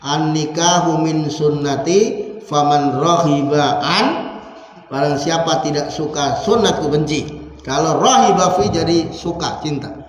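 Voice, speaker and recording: A man preaching in a big mosque hall, his voice sitting high and ringing in a long, heavy echo. He switches between lively talk, acted-out quotes and chanted Arabic verses, with a faint hum behind him. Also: unhurried. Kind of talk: mosque sermon.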